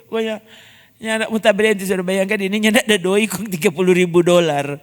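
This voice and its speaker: A male pastor with a Manado Malay accent, telling stories to his congregation with animated energy and calling out to them as he preaches. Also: high-pitched, fast. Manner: animated storytelling, calls out to the congregation. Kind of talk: sermon. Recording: echoey church hall.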